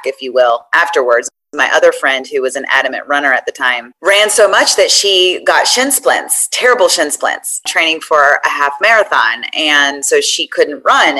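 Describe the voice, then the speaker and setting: A woman in her forties, a podcast guest telling her story in a chatty, animated way. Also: very deep voice, poor audio. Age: 40s. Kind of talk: conversational interview.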